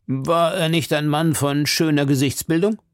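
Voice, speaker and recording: A man reading aloud and voicing a stern, shrewd older captain of musketeers in a measured, lecturing manner. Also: on the high side, fairly even intonation, dry recording, studio quality, pitched above the performer's own voice, natural voice. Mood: probing. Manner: measured, lecturing, drops to murmurs. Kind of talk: audiobook reading.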